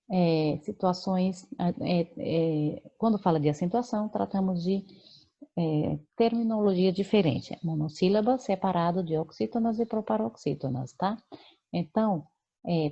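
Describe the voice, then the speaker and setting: A Brazilian woman teaches a remote lesson, correcting homework and explaining patiently with many fillers and check-ins to her students. Her voice is lowish and mellow, with lo-fi sound.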